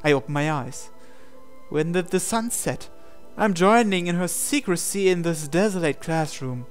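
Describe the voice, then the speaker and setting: A man reads a visual novel aloud during a game playthrough, slipping in casual, incredulous asides as a gamer. His voice is a little high and his speed normal, with faint music behind him.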